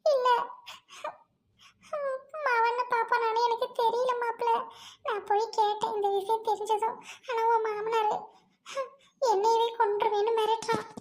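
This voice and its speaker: A woman's voice: very high-pitched, little pitch movement, measured pace, long pauses. A woman voicing an older mother-in-law who apologises through tears in a melodramatic serial scene. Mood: tearful apology. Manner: crying apologetic.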